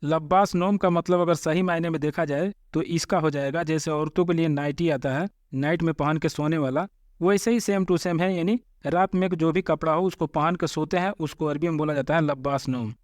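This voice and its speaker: A man teaching vocabulary, repeating each word slowly and addressing viewers as friends. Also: fairly high pitch, steady tone, dry recording, clean studio sound. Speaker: Arabic language teacher. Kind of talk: vocabulary lesson.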